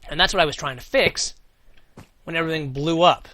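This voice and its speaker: Commentating casually on a game he's playing, a man hosting a gaming video muses aloud and answers his own questions along the way. He speaks a bit fast in a fairly high, bright voice with a forceful edge.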